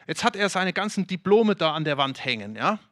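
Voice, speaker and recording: A man from Germany preaching a sermon, talking straight to the congregation in a lively way with frequent restarts. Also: sits high, fairly quick, no echo, studio quality. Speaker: pastor.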